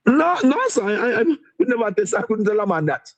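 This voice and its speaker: A man's voice: high-pitched, expressive, a little fast. A man with a Jamaican accent, a deputy mayor being interviewed, talking in a repetitive, rambling way and chuckling. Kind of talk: interviewed on a live stream.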